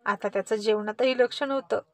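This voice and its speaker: Expressive woman storyteller, higher voice. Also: a little fast, no room sound. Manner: lively expressive reading. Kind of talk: scripted story narration.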